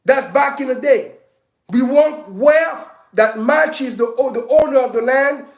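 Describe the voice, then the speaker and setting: A man's voice: extremely high pitch, takes it slowly, echoey room, low-quality recording. A man giving a heated, emphatic political monologue on a livestream, with frequent restarts as he presses his points. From Africa. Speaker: self-styled state governor giving political commentary.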